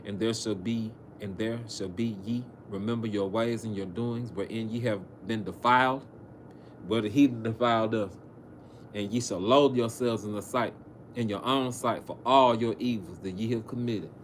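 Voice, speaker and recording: Low-voiced man preaching casually. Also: steady tone, a little hiss or hum. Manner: casual, profane asides between readings; halting, frequent fillers and restarts. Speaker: preacher on a livestream. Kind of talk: scripture reading with loose commentary.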